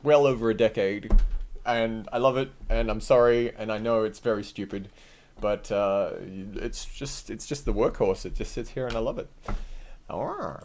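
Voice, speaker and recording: A man hosting a live stream, chatting in a rambling, self-mocking way and thinking out loud while he works on his computer. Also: on the low side, normal speed, slight background noise.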